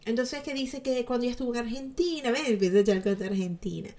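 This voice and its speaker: Woman vlogging celeb gossip, kinda high voice, chatty and sarcastic, laughs a lot. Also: fast. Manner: chatty, lively, laughs often, sarcastic asides. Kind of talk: casual commentary to viewers.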